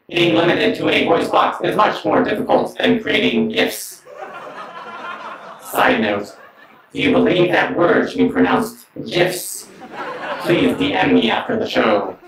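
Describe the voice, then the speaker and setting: A man playing a smug, raspy standup robot. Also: medium pitch. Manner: deadpan, mock-mechanical delivery with snide asides. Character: smug male comedy robot doing standup. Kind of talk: standup comedy routine. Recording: roomy sound from a distance.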